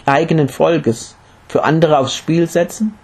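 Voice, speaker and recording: A man's voice: on the high side, a little slow, darkish tone, slightly rough, pitched above the performer's own voice. A man voicing a mighty human king in a read-aloud fable, speaking in stately, formal words. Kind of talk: storybook reading.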